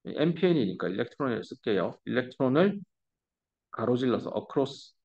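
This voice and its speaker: 남자 교수의 강의, 탁한 녹음. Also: male voice, medium pitch, very animated, moderate pace, darkish tone. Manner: explanatory, mixing English technical terms, casual asides. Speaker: university professor. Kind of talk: recorded lecture. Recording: dull lo-fi classroom recording.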